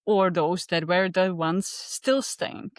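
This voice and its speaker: A woman reflecting casually in a debrief as a coach, phrasing her thoughts haltingly in short pieces. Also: on the low side, steady tone, no echo, studio quality.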